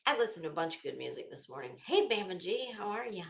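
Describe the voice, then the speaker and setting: A gravelly, lowish female voice comes through very animated and quick. She's an American livestream host chatting with viewers in a blunt, emphatic, talkative style, recorded with an echoey room sound.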